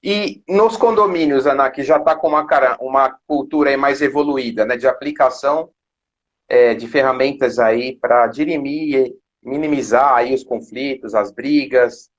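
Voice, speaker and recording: A Brazilian man hosting a live interview, asking long, smoothly framed questions over a video call. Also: mid-range voice, moderate pace, highs cut off. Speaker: host.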